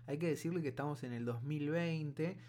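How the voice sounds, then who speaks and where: A man with a Buenos Aires Spanish accent co-hosting a casual podcast, talking in a rambling, halting, colloquial way. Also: on the high side, a little mellow. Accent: Buenos Aires Argentine Spanish. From Buenos Aires, Argentina. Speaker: podcast co-host. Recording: clearly noisy with a hum.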